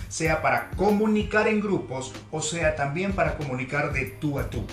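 A man's voice: a little high, a bit bright. A man from Peru hosting a motivational audio course on communication, greeting listeners with emphatic lists of address. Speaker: podcast host and communication coach. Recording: roomy echo with faint music.

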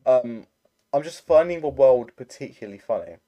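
Young man, mellow low voice, rambling anecdote on a call mic. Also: lively intonation, normal speed. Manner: rambling, filler-heavy anecdote telling. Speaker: storyteller in a chat. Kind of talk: casual chat over a voice call. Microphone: computer mic on a voice call.

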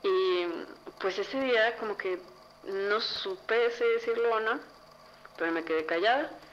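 A woman's voice: mid-range voice, unhurried. A young adult woman with a Mexican accent telling a personal ghost story in a chatty, casual way, full of fillers. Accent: Mexican Spanish. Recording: dull lo-fi recording with faint noise.

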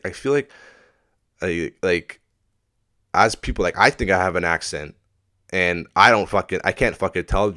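Ranting casually on his own podcast, this man curses nonstop and rambles, his nose stuffed up as he speaks into a desk mic by a laptop. His voice is low-pitched with a fairly bright tone.

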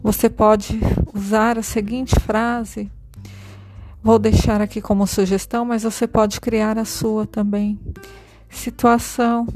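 A woman guiding a meditation in a slow, soothing, gentle way. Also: fairly high pitch. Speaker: meditation guide. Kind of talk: guided meditation. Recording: soft music behind.

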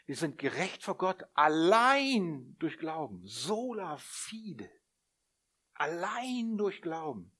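A man preaching a sermon, who talks straight to his listeners, asks them questions and builds up to loud, emphatic appeals. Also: medium pitch. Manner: addresses the listeners directly, asking them questions.

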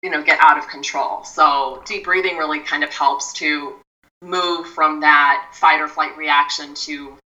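A woman who is a mindfulness expert, guest on an interview, explaining in a measured, step-by-step way with frequent restarts. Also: sits low, steady tone, bright, forceful tone, recorded from a distance, dull audio.

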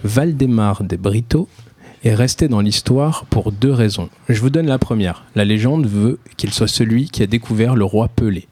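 A man with a French accent hosting a casual quiz, relaxed and chatty, with many fillers. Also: on the low side, moderate pace, slightly rough, no echo. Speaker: quiz host. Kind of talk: casual quiz show chat.

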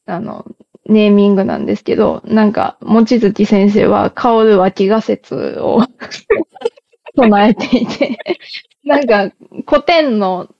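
A woman chatting casually, halting and laughing between phrases. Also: mid-range voice, vocal fry, a little mellow, no echo. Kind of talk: casual chat. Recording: slightly dull, lo-fi sound.

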